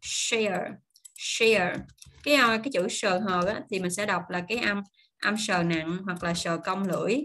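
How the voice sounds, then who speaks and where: A woman teaching English pronunciation online, drawing out model words slowly and then explaining in quick, chatty asides. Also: mid-range voice, a bit bright. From Vietnam.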